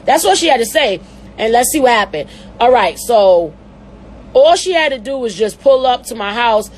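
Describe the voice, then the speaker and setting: A woman hosting an advice show, reading a listener's letter aloud and answering it with blunt, profane, animated commentary. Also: fairly high pitch, normal speed, slight background noise.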